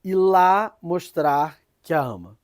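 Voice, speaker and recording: A man's voice: a little high, slow, dry recording, studio quality. A man with a Brazilian Portuguese accent gives an informal teaching talk, tagging many phrases with "né?" and often restarting.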